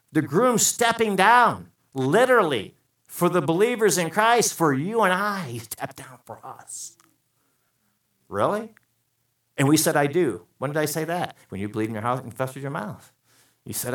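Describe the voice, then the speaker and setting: A man preaching a sermon to a congregation, animated, calling out for amens. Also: mid-range voice. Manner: animated, call-and-response with congregation. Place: church sanctuary. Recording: echoey room, mic at a distance.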